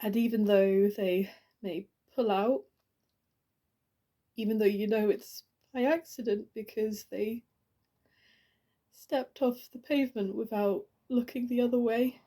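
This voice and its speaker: An actress playing a grieving woman delivering a eulogy for her friend, halting and stammering with many restarts, in an audition monologue. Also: on the high side, fairly even intonation, mellow. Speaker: actor.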